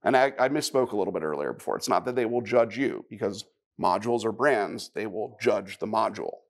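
A man giving a live technical conference talk, conversational, with wry asides and quick questions to the audience. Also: lowish voice, animated. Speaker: conference speaker.

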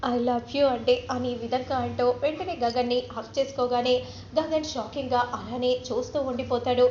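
A woman narrating a serial's story in a brisk, plain retelling, in an echoey room. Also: fairly high pitch, darkish tone. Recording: roomy, slightly dull recording with faint noise.

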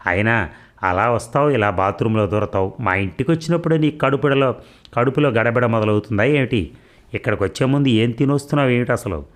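A man voicing a sharp-tongued, anxious housewife in her sixties who scolds and mocks in a sarcastic way. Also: lowish voice, steady tone, moderate pace, natural voice. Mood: scolding, worried.

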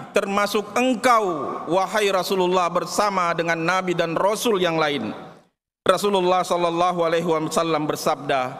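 A man delivering a formal Friday sermon in a large mosque, measured and emphatic, weaving in Arabic recitation. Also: high voice, fairly bright tone. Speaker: Friday preacher. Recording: long reverb of a big mosque hall.

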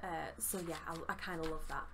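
A young Yorkshire woman with a low voice and fairly even intonation talks a little fast, enthusiastically reviewing a book at her desk for a casual vlog and using lots of fillers. She's indoors in a small room lined with bookshelves, and there's background noise.

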